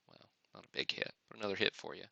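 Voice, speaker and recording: A man hosts a sports card break livestream, opening cards with casual, off-the-cuff commentary and muttering asides to himself. His low voice is fast, creaky, pushed, and bright, with big pitch swings, in a dry recording.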